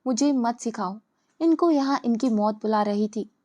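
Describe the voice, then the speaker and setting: Woman doing a cold arrogant young guy, sarcastic and dismissive, kinda high pitched, storybook. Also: normal speed, a little mellow, natural voice. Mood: scornful. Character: arrogant cold young rich man, mocking.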